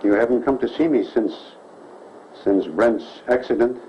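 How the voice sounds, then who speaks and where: In a 1930s film, an actor plays a brooding, jealous male admirer who makes veiled threats. His voice is natural and medium-pitched at a moderate pace, heard through a muffled old soundtrack with faint hiss.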